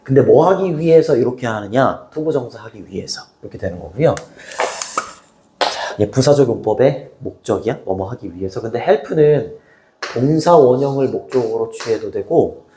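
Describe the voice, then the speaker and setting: A man with a mellow, mid-range voice and lively intonation teaches an English class at a moderate pace, with slight background noise. His classroom lecture is casual and chatty, and he often throws short rhetorical questions at the students.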